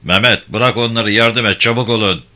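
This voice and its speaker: A man's voice: on the low side, normal speed, pushed and bright. A man voicing an earnest young army lieutenant who gives orders eagerly in a story reading. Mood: shouting orders. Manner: eager, commanding.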